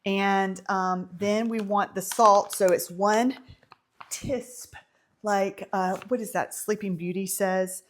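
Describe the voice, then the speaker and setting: A woman's voice: medium pitch, steady tone, slow, few pauses, a little hiss or hum. Chatty Southern woman teaching baking. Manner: chatty, self-amused, many ums. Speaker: home baker teaching a bread recipe. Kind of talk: casual baking tutorial.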